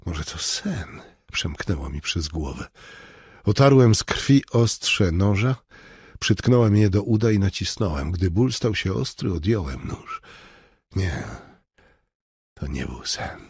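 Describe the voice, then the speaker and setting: A man reading an audiobook in measured, somber first-person narration. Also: deep voice, vocal fry, a little mellow, husky, dry recording, studio quality.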